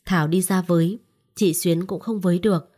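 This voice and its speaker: A woman narrating a romance audiobook in a steady storytelling style. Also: on the low side, normal speed.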